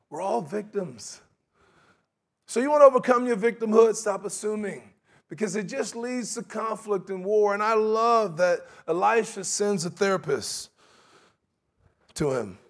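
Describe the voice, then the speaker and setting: A man's voice: high voice, gravelly. A middle-aged man preaching a sermon in a large church sanctuary, talking in a conversational way and slipping into mocking voices for his examples.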